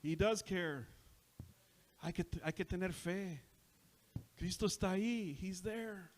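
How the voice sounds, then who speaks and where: A man preaching a sermon, saying each line in Spanish and then again in English, building to loud shouted peaks. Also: high-pitched, slow, a little hiss or hum. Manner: impassioned, swells to shouting on key lines. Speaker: pastor. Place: church sanctuary.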